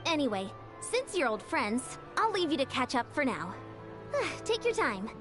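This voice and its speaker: A woman's voice: sits high, big pitch swings, unhurried. A woman voicing a polite, composed young woman ally in a video game. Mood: gracious. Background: game music.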